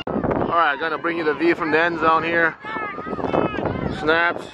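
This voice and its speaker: A middle-aged man with a fairly high voice calls a football game as an amateur, in short phrases that lift as the play develops. He is outdoors on the field, recorded on a camera mic with muffled sound and very heavy wind noise. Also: measured pace. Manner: clipped short phrases, rising with excitement during plays. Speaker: parent filming and commentating a youth football game. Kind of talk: amateur play-by-play sports commentary. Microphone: camera microphone exposed to wind. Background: loud wind and outdoor ambience.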